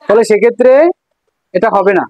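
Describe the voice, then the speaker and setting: A woman's voice: mid-range voice, fairly quick, no echo, dull audio. Dry-sounding woman teaching a class. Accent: Bangladeshi Bengali. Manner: coaxing, asks questions and repeats answers. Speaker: math teacher. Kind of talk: classroom lesson to students.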